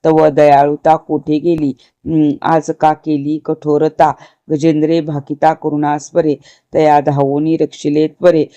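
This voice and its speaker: A man reciting the lament of a personified month that pleads with a god, in slow, chanted devotional verse. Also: fairly high pitch, completely flat delivery, warm tone, no room sound, close to an everyday voice. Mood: pleading, grieving.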